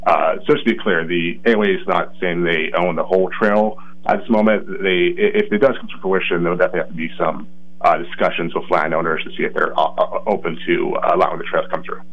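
A man's voice: deep voice, steady tone, fast, a little hiss or hum. A man who is a county planning coordinator, calling in by phone to a radio interview and explaining carefully with frequent rephrasing. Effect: heard over a phone line. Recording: muffled lo-fi phone line.

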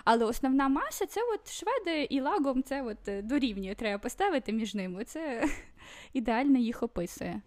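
Woman, podcast guest, very high voice, chatty and loose, lots of fillers. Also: animated, normal speed, darkish tone. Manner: chatty, full of fillers and restarts. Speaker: podcast guest living in Sweden. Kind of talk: casual chat.

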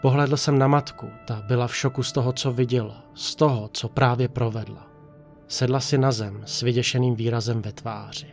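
A man calmly narrating a first-person horror story in a measured, scripted way. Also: medium pitch. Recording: narration over faint music.

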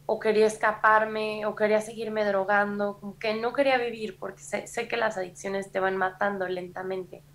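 A woman's voice: mid-range voice, little pitch movement, moderate pace, few pauses, a bit bright. Candid Mexican woman sharing her story. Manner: candid, confessional, frequent "o sea" fillers. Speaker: podcast guest. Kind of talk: personal testimony in casual conversation.

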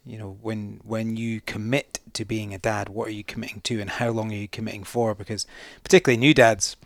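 A middle-aged man with a Highland Scottish accent, talking casually and reflectively as a podcast guest. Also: fairly even intonation, a little fast, gravelly, dry recording.

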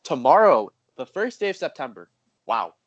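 A man's voice: medium pitch, big pitch swings, normal speed, no room sound, dull audio. A man co-hosting a hockey podcast, chatty and upbeat in casual banter. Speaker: podcast co-host. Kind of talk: casual chat.

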